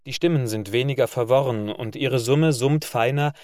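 A man narrating a literary story in a measured reading voice. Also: medium pitch, no room sound, studio quality. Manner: measured reading, loud barked commands for characters.

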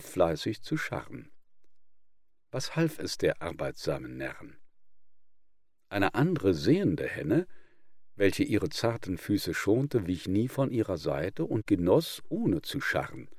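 A man reading old fables aloud in a measured, expressive narration. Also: on the low side, dry recording, clean studio sound. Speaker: audiobook reader.

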